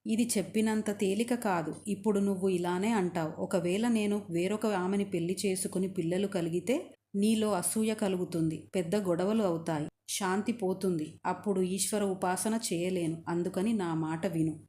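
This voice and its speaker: A devout husband lays out his reasons firmly and soberly, read by a woman storyteller. The voice stays mellow and level, at a middle pitch. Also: moderate pace, close to an everyday voice. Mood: earnest. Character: pious husband, firm and sober.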